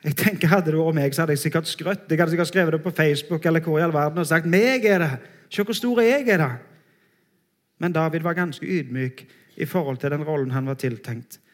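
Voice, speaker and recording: A man preaching a sermon in a church, earnest and emphatic, slowing down on his key phrases. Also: fairly high pitch, fairly even intonation.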